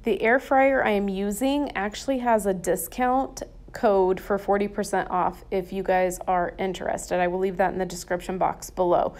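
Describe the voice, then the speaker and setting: A woman's voice: mid-range voice, fairly even intonation, moderate pace, few pauses, a little mellow. A woman narrating her home cooking in a chatty, enthusiastic, folksy way over a recorded voice-over. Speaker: cooking vlogger. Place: home kitchen.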